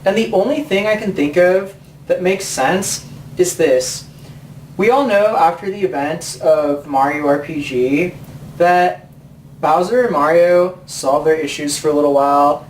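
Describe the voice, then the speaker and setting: A man's voice: on the high side, a little hiss or hum. A man giving a profane, rambling comedic rant about video games. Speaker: video game commentator. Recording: roomy sound from a distant mic.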